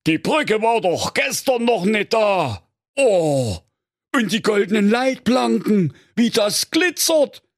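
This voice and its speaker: A man's voice: sits high, big pitch swings, slow pace, no room sound, clean studio sound, pitched above the performer's own voice, full character voice. A man doing a crude jovial Saxon king. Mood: amazed. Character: crude blustering old king, easygoing.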